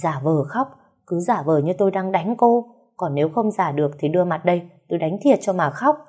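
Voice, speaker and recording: A woman's voice: lowish voice, lively intonation, fairly quick, darkish tone, slightly rough. A woman voicing a hot-tempered young husband, barking scornful orders. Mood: angry shouting.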